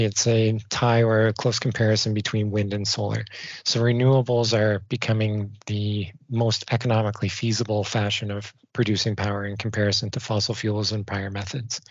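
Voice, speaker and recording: A man, a civil designer, giving measured technical answers in a podcast interview. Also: on the low side, dry recording. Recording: dull dry studio sound.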